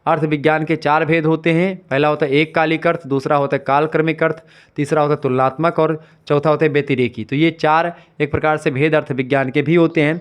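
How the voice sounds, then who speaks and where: A man's voice: on the high side, little pitch movement, fairly quick, smooth. A man teaching an exam revision lecture, explaining step by step, repeating key terms and checking that students follow.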